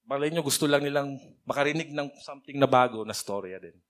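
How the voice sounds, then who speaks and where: A man's voice: medium pitch, fast talker, fairly bright tone. A man giving a casual, conversational sermon, mixing English phrases into his talk and calling on listeners by name. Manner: chatty, mixes English phrases into his speech. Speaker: preacher.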